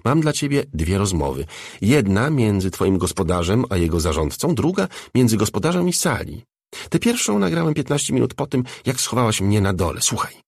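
A man voicing a hushed, chatty male figure who talks hurriedly and conspiratorially. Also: fairly low pitch, very animated, normal speed, creaky, husky, dry recording, studio quality, full character voice.

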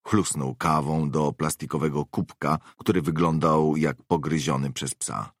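A man narrating an audiobook with measured, expressive reading. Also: a bass voice, husky, dry recording, studio quality.

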